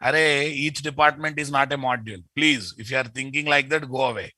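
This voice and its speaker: Forceful Telugu-accented Indian man teaching. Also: medium pitch, fairly quick, dry recording. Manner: emphatic, repeats key phrases, checks understanding with questions. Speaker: programming instructor. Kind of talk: live online class lecture.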